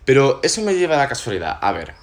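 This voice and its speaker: A young man hosts a casual podcast chat. He speaks at an ordinary pitch in a relaxed, reflective way, often pausing for little asides before landing his point. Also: slight background noise. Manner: relaxed, reflective, talks it through with many asides. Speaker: podcast host.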